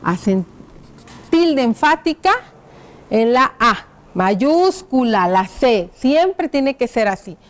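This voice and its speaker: Woman teacher on tv, high clear voice, goes slow, keeps asking the kids if they get it. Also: sing-song. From Mexico. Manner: slow, patient, spells out each word while writing; asks the pupils rhetorical check-in questions. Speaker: primary school teacher. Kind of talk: classroom lesson on TV.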